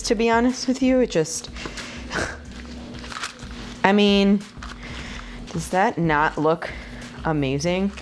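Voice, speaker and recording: This cooking vlogger, a woman in her thirties with Puerto Rican and Mexican heritage whose first language is Spanish, speaks in a lowish voice over a slight hiss or hum. Cooking at home for the camera, she keeps things casual, chatty, and playful, laughing often as she addresses her viewers.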